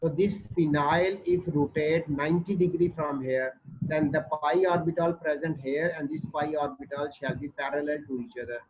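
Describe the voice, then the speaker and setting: A man's voice: fairly high pitch, steady tone, moderate pace. A man with a North Indian accent giving a classroom chemistry lecture, explaining and checking understanding with short tag questions. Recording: dull muffled audio with background noise.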